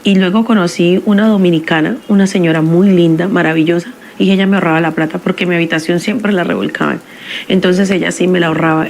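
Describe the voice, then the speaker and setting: A woman telling a first-person story in a somber, measured confessional way. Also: fairly low pitch, gravelly, a little mellow.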